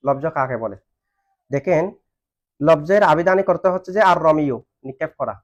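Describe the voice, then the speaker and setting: A man's voice: on the high side, moderate pace. A man teaching a grammar lesson, asking questions and waiting for students to answer. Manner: asks questions and has students answer back. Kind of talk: classroom lesson on Arabic grammar. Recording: dull lo-fi recording.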